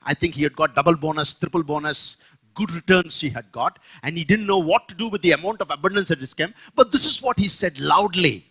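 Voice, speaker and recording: A man with an Indian English accent preaching a sermon in church, emphatic and at times rising almost to a shout. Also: a little high, animated, fairly quick, husky.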